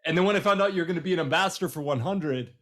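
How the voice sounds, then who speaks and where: This English-speaking podcast host talks very fast, his voice on the high side and a bit bright. In a casual interview chat, he's enthusiastic and keeps restarting his sentences, while a roomy echo and faint music fill the recording.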